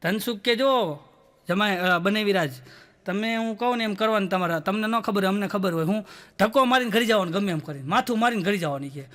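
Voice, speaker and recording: A man telling stand-up jokes, acting out the dialogue in quick voices. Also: sits high, fairly bright tone. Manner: storytelling with quick voiced dialogue, "બોલો" tags. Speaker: stand-up comedian.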